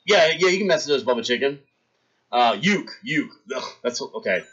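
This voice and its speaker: A man in his thirties tells a story to his live stream chat with lots of energy, acting out each scene as he goes. His pitch stays in a middle register. The audio is a little dull, like a basic stream mic. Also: moderate pace, slightly rough. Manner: animated, acts out scenes, talks to chat.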